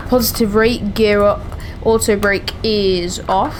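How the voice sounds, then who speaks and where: A woman's voice: mid-range voice, measured pace, a little hiss or hum, poor audio. Woman calling out takeoff like a pilot on headset. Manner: calm checklist callouts from the flight deck. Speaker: sim pilot streamer.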